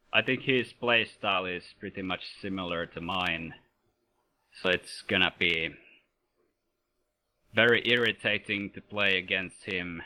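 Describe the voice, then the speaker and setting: Deep, slow-talking Swedish-born player, bright tone, dry humor. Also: male voice. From Sweden. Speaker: interviewee, competitive player. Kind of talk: casual interview.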